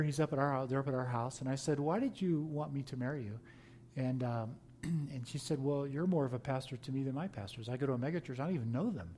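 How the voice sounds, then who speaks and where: A man's voice: medium pitch, mellow. A middle-aged man, a pastor and seminary teacher, telling personal stories in an easygoing, anecdotal way during an interview. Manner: folksy anecdotal storytelling with laughs. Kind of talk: storytelling interview answer.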